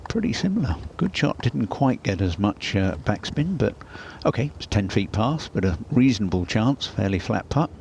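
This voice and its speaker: Chatty low-pitched male golf commentator. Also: lively intonation, normal speed, vocal fry, hardly any pauses, darkish tone, a little hiss or hum. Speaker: golf commentator, expert analyst. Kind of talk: conversational live golf commentary.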